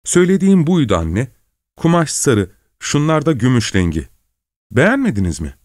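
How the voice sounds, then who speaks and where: A man doing an eager, high-pitched young daughter. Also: huge pitch swings, rapid-fire, breathy edge, no echo, clean studio sound, full character voice. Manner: eager, plaintive. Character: excitable young daughter, pleading.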